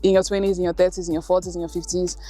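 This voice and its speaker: Quick-talking young Nigerian-born woman. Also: on the low side, little pitch movement. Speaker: student. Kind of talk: interview answers. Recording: soft music underneath.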